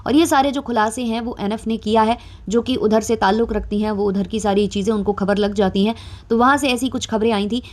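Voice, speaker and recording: Her voice is fairly high and darkish, her intonation fairly even, and she talks fairly quickly: a young adult woman vlogger doing gossip commentary. The delivery is chatty, filler-heavy, and slightly sarcastic.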